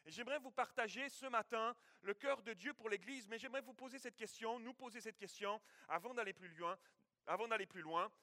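Bright, high-voiced man preaching a sermon. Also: fairly quick, no room sound, studio quality. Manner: animated storytelling with spoken sound effects; frequent restarts and repeated words. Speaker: pastor. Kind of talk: sermon with a personal anecdote.

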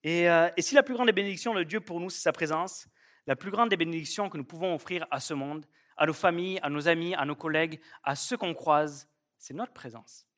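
Man preaching a sermon, fairly high voice, emphatic, repeats key lines. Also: brisk, fairly bright tone. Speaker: pastor. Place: church service.

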